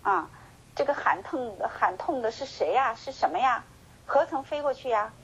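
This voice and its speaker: A woman's voice: a little high, slightly rough, low-quality recording. Woman giving a storytelling Buddhist lecture. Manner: animated storytelling, acting out dialogue, many sentence-final particles; slow measured chanting when reading scripture. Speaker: Buddhist teacher.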